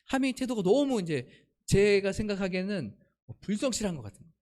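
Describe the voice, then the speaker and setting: A man preaching a sermon, his voice sitting high and swinging widely as he tells stories. He keeps turning to the congregation with questions and acts out the lines of the people in his stories. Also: big pitch swings, fast, darkish tone. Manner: storytelling, asks the congregation questions; acts out quoted family lines. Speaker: pastor.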